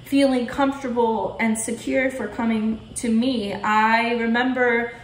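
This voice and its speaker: Slightly high and a little slow, this young woman's voice has little pitch movement and a faint hiss or hum. A Polish vlogger, she sits in an armchair in her echoey living room, chatting casually on camera with lots of hand gestures.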